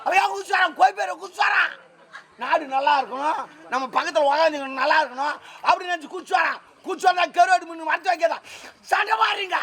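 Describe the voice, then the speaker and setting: Male actor as a rowdy teasing son in a folk stage comedy, very high, bright voice. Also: fast, heavily acted. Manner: teasing, boastful banter. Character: cheeky grown son clowning with his mother. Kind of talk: Tamil street-theatre comedy.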